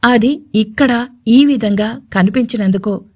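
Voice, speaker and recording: A woman narrating a romantic audio story in a steady storytelling manner. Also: a little high, a little slow. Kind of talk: scripted narration.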